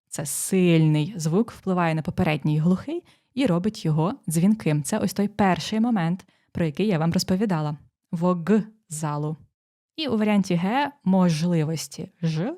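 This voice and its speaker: A woman teacher explaining exam phonetics, pronouncing sample words slowly and walking through each rule step by step. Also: on the low side, dark tone. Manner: dictating sounds slowly, explaining rules step by step. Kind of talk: exam prep lesson.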